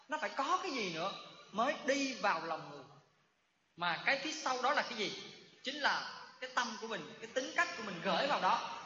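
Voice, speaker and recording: A man's voice: high voice, pushed and bright, slight background noise. A man giving a Buddhist dharma talk to lay followers, often asking the audience questions. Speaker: Buddhist monk teacher. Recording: echoey hall, dull sound.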